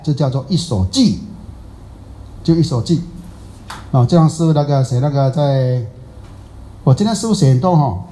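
A man's voice: fairly high pitch, mellow. A man teaching a Buddhist class in a chatty, teasing way, quizzing his listeners. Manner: chatty, teasing, asks the audience questions. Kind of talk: Dharma talk to a class.

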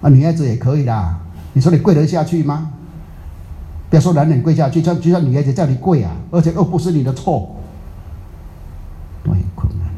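Very mellow-voiced man giving a dharma talk. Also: fairly high pitch, animated, a little fast, long pauses, rough recording. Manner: chatty, keeps asking the audience "right?"; mixes in English words. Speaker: Buddhist dharma teacher. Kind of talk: informal dharma talk to a live audience.

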